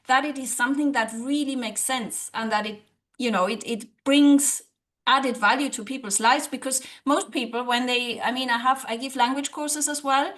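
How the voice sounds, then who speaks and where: Speaking at normal speed, this high-voiced woman from Germany talks earnestly and with animation as an interview guest. She's a social psychologist and language coach whose first language is German, and she frequently dramatizes what she once thought.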